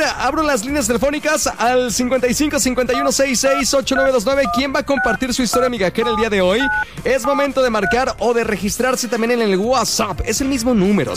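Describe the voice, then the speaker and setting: A Mexican man hosts a live radio show like a ringmaster, in a high-pitched voice. He announces and greets in a playful, slangy, exuberant showman's way. Music plays behind him as he talks. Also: brisk. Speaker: radio call-in show host. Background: music bed.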